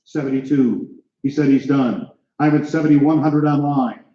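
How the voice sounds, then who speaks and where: An American male auctioneer runs a live sale in a roomy, reverberant space. He rattles through rising figures in clipped auction patter and keeps calling out for the next bid. His mid-pitched voice comes through a little dull. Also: fairly even intonation, normal speed, mellow. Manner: auctioneer's patter, clipped numbers and repeated calls to bidders. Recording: echoey room, slightly dull sound.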